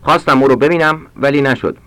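A man reading short practice sentences aloud for language learners, slowly and with careful enunciation. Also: mid-range voice, a bit bright, no room sound. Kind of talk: read-aloud Persian drill sentences for learners.

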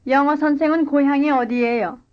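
A woman reading a scripted language-lesson dialogue and drill answers in clear, careful model sentences. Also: high voice, fairly even intonation, brisk, highs cut off. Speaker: language course speaker.

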